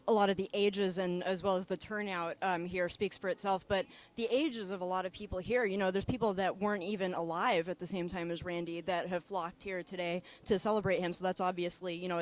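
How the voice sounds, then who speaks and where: Friendly woman magazine interviewer. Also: lowish voice. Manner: friendly, chatty questioning. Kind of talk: casual interview.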